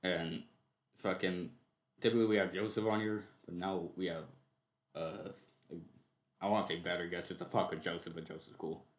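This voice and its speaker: A man with a fairly low voice hosts a livestream reaction show, cursing freely and joking along in a loose, laid-back way. His voice bounces around a reverberant room. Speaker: streamer hosting a reaction show. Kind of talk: casual livestream reaction chat. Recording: echoey room.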